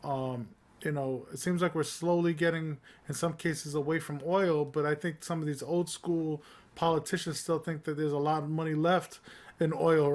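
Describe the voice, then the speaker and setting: A man co-hosting a podcast, chatting loosely about politics with lots of fillers and restarts. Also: a little high. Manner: rambling, many fillers and restarts, relaxed. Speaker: podcast co-host. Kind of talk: casual political discussion.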